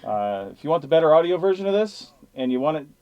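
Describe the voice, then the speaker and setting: A man's voice: a little high, very animated, fast talker, clean tone, dry recording, dull audio. A man hosting a casual live podcast, chatting in a blunt, matter-of-fact way over hissy, static-laden audio. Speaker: podcast host.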